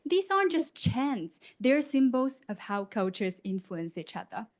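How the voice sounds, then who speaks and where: With a fairly high voice and measured pace, a young woman gives a rehearsed competition speech as a student contestant. She is from Guangdong, China, speaks Cantonese as her first language, and delivers expressively with rhetorical questions.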